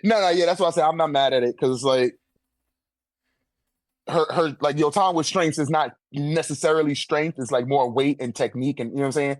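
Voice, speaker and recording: An American man with a fairly high voice chats briskly in a casual fan debate, with no room sound. He swears freely, leans on slang, and keeps repeating fillers like "like" and "you know what I'm saying".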